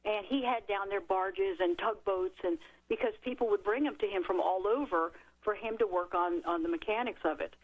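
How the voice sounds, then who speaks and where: A middle-aged woman, an author and radio guest, telling a childhood story in a lively way and acting out the quotes. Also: medium pitch, normal speed, few pauses, narrow, tinny audio. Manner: lively, animated storyteller who acts out quotes. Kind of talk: storytelling in a talk radio interview.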